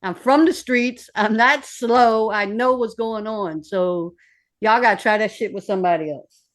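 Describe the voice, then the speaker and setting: Her voice mid-range and unhurried, a woman in her fifties who makes records speaks as an interview guest in a casual, candid chat, blunt, streetwise and animated, with lots of swearing.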